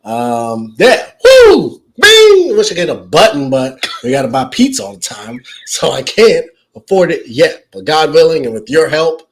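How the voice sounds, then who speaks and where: A man's voice: a little high, big pitch swings, normal speed, gravelly, hardly any pauses. A young man co-hosting a casual couple's podcast, joking and teasing as he talks. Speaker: podcast co-host.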